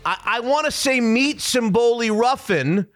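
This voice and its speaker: A male podcast host with a notably high voice leads a conversational interview. He teases his guests lightly and keeps the talk relaxed, with faint music now and then behind him. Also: a little slow. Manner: playful, teasing.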